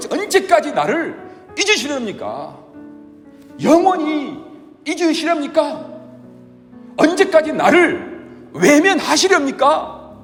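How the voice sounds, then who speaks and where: A man's voice: very high-pitched, reverberant, long reverb tail, pitched above the performer's own voice, full character voice. A man voicing an anguished king crying to heaven. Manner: pleading, sharp, accusing lament.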